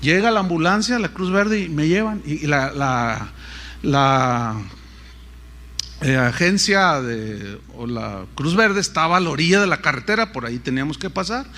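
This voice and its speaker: Mexican male preacher, high voice, animated sermon storyteller who acts out every voice. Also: normal speed. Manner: animated, acts out quoted voices, frequent restarts.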